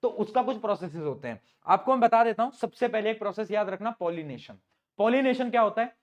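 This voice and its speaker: A male teacher giving a lively exam-prep lesson, playfully asking his students questions and answering them himself. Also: high voice, quick pace, lo-fi sound. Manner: calls students "beta", mixes English terms into Hindi.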